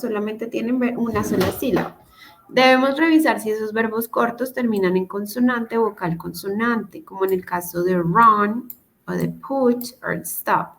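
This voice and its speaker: A woman's voice: fairly high pitch, a bit bright, a little hiss or hum. A woman teaching English grammar in Spanish over a video call, explaining rules patiently step by step and often checking that students follow. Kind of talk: online class explanation.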